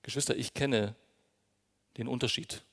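Gravelly-voiced man preaching in a hall. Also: medium pitch, steady tone, measured pace, fairly bright tone. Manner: earnest, emphatic, addresses congregation directly. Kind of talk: sermon. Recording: long reverb of a hall.

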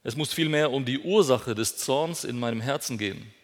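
A man of middle pitch delivering a sermon, asking questions aloud and answering them himself. He leans hard on important words, lifting his voice to drive each point home. His voice carries a long reverb, as if recorded in a large hall. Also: normal speed. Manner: emphatic, rises sharply on key words. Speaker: preacher.

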